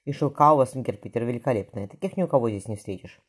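A reader voicing a hospitable middle-aged merchant who talks genially and sincerely. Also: female voice, extremely low pitch, fast, husky.

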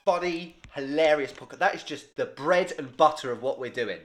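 A man's voice: a little high, moderate pace. A British man co-hosting a podcast with casual comedic banter and sweary, mock-indignant joking. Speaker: podcast co-host.

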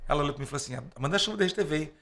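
Rapid-fire and fairly high in pitch, a Brazilian man on a podcast recounts anecdotes with lots of animation. He voices the characters' quoted lines differently and laughs between them as a lively storyteller.

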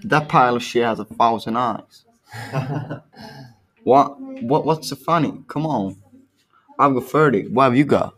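A cocky, wisecracking boy acted by a man in an amateur drama read-through. He is hot-headed and needling, talking in slangy jabs at a middling pitch. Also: unhurried, long pauses, fairly bright tone, close to an everyday voice. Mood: defiant, mocking.

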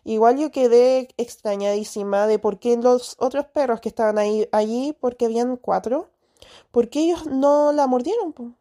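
A woman with a Chilean accent casually telling a story to her followers, slangy and lively, acting out sounds and quoting herself. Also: fairly high pitch, normal speed.

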